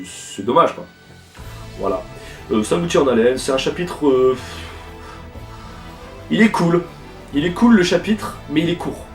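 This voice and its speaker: A man's voice: medium pitch, a little mellow, reverberant, far from the mic. Rambling young man reacting to a manga. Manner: informal, rambling, with many fillers and swearing. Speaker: manga reaction video host. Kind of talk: casual reaction commentary.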